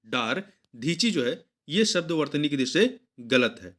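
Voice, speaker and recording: A man's voice: a little high, very animated, a little slow, fairly bright tone. A young man teaching exam preparation, going through test questions one by one, patiently repeating each answer and correcting himself mid-word. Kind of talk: explaining Hindi test answers.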